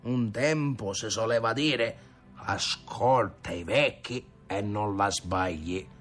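A man voicing a stern old grandfather in a storybook reading, speaking slowly and scolding. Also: fairly low pitch, fairly bright tone, faint music behind. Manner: slow, scolding.

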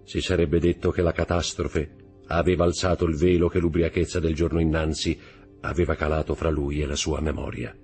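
A man narrating a novel aloud in a measured, dramatic reading style. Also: very deep voice, flat delivery, a little mellow, breathy edge. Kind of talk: audiobook narration. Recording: faint background music.

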